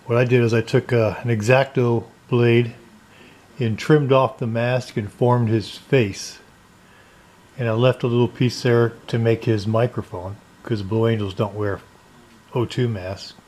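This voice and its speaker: A man's voice: medium pitch, flat delivery, a little slow, a little mellow. A man giving a casual tour of his basement workshop and talking through a model plane rebuild, rambling and correcting himself as he goes. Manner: rambling, self-correcting, matter-of-fact. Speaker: RC plane hobbyist.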